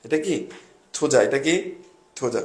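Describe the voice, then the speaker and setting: A man's voice: medium pitch, measured pace. Echoey young man tutoring live. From Bangladesh. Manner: quizzing students, joking mnemonics, colloquial. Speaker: admission test tutor. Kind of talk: live online class.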